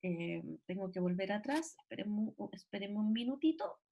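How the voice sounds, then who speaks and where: A woman's voice: mid-range voice, animated, moderate pace, muffled recording. A woman lecturing an online class, explaining with many fillers and tag questions. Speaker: university lecturer. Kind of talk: online class commentary on a video.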